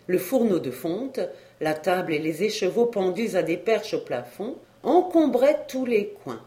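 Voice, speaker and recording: Brief: steady audiobook narrator, measured classic storytelling, mid pitch. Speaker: audiobook reader. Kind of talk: scripted narration of a classic novel.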